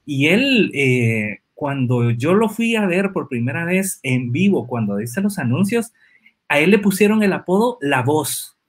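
Husky-voiced guy on a video call telling a story, kinda high pitch. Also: big pitch swings, measured pace. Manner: anecdotal, storytelling. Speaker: participant.

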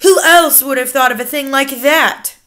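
A woman's voice: high voice, normal speed, bright, forceful tone, pitched above the performer's own voice. A woman voicing a crowd of eager, fawning witches who shriek their lines. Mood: shrill. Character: shrill excited crowd of witches.

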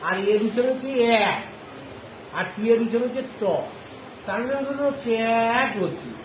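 A male primary school teacher giving a phonics lesson to a class, often asking questions and repeating answers slowly. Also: very high voice. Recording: echoey classroom with background noise.

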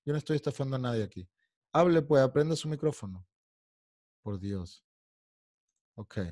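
A man's voice: mid-range voice, animated, normal speed, warm tone, dry recording, clean studio sound. Man teaching English over Spanish. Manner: explains in Spanish, sings and drills English lyrics; irritated, scolding a heckler. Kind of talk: online English class.

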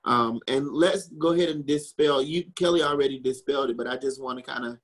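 A man's voice: medium pitch, fairly quick, low-quality recording. A man from the American South, a historical interpreter and chef, answering questions in a chatty way with frequent laughs and wry asides. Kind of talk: casual Q&A answers.

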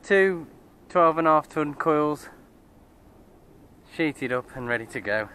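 A man's voice: on the high side, lively intonation, slow, pushed and bright, rough recording. A young British man driving a truck, chatting casually and cheerfully to his viewers. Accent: British English. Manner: chatty, upbeat commentary to viewers. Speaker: truck driver vlogger. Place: truck cab on the road. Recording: road and engine noise behind.

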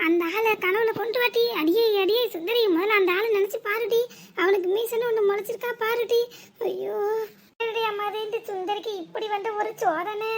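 A woman voicing a fiery young daughter-in-law in a village cartoon comedy, ranting dramatically with a southern Tamil Nadu accent. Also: very high voice. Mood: panicked.

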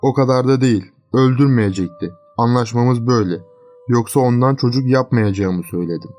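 A man voicing a calm, cold young fiancé who talks in a flat, coolly threatening way in a horror storybook reading. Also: mid-range voice, brisk, lightly acted.

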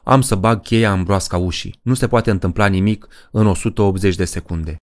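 A man's voice: sits low, lightly acted. A man voicing a frightened young woman talking to herself alone at night, in an audiobook reading. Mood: anxious.

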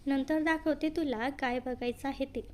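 A woman's voice: sits high, fairly even intonation, moderate pace, close to an everyday voice. A woman voicing a teasing, bossy middle-aged aunt in a read-aloud story, scolding playfully.

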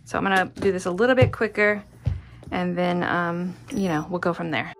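Over music, a quilting instructor talks through an informal craft tutorial step by step, musing aloud while she works. She's a middle-aged woman with a fairly low, fairly even voice at a normal pace. The clip is a clearly noisy recording from her sewing room at home.

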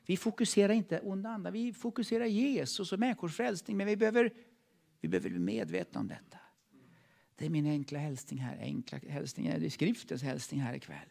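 A man with a Swedish accent preaching a sermon in a church, emphatic and repeating words, dropping from loud calls to hushed tones. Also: a little high, animated, creaky. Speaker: pastor. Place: church hall.

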